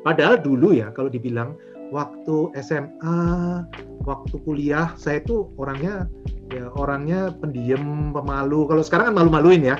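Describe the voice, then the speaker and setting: A man's voice: fairly high pitch, moderate pace. Chatty man telling stories over music. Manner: animated, acts out remembered dialogue, frequent fillers. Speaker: guest, property and franchise investor. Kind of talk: casual interview storytelling. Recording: dull lo-fi audio with music underneath.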